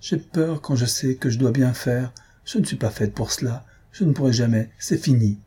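Male reader doing a timid young woman in a storybook: emotional, pleading, husky and soft. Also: mid-range voice, normal speed. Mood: anxious.

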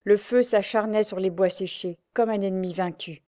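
A woman narrating an adventure novel aloud in a steady, dramatic storytelling voice. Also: mid-range voice, moderate pace. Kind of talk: audiobook reading of an adventure novel.

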